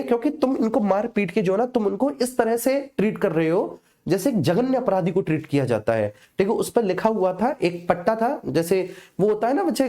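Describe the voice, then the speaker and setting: A man with a North Indian accent teaches a live online exam lecture, colloquial and didactic, sharing personal anecdotes and often checking in with short tag phrases. His voice is high-pitched with a dark tone.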